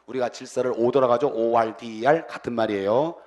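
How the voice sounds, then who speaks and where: Man, middle-aged, vocabulary lecturer, root-by-root explanations, chanted lists of meanings, mid-pitched voice. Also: fairly quick. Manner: breaks words into roots and repeats meanings in chanted lists; has students repeat pronunciations after him. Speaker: English lecturer.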